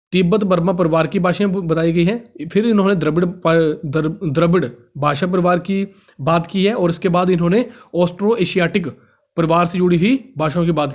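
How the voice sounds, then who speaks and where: A man's voice: high-pitched, a little mellow. A male teacher reads from a school history textbook, then explains each line in simpler words, often stumbling and restarting words. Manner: speaks to listeners as friends. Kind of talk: reading and explaining a textbook lesson.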